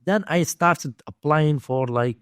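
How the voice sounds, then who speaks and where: This interview guest, a domain investing teacher, has a Moroccan accent and a slightly high, clear, resonant voice. The recording is dry, and he tells conversational stories in hesitant English that repeats itself.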